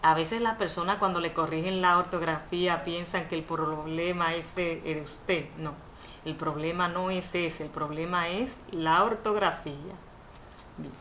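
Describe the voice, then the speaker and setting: This Dominican woman, a university course facilitator, teaches Spanish spelling in a patient webinar held indoors over video conference. Her voice is lowish, a bit bright, a little slow and fairly even in intonation. She repeats definitions didactically, corrects herself with "perdón," and a faint hiss sits under the audio.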